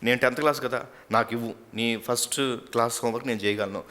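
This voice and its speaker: A man's voice: medium pitch, fairly even intonation, fast talker, sharp tone, big-room sound, natural voice. A man voicing a confident tenth-grade girl who reassures a younger boy. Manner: coaxing, reassuring.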